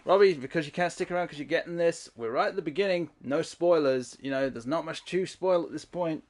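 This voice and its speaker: A man's voice: a little high, brisk, background noise. Profane chatty male game streamer. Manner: profane, chatty, laughs often. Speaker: livestreamer. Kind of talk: casual gameplay commentary. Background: game audio.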